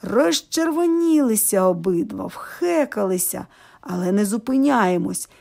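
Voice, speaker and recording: A woman reading a children's story aloud in an expressive, lively way, acting out each character. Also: mid-range voice, unhurried, creaky.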